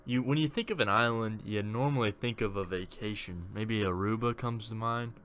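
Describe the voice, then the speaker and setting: A young man hosts a loose, joking podcast chat. His voice is low-pitched but bright and forceful. A faint hiss of noise sits behind him. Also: normal speed. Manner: jokey, leads the talk. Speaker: podcast host.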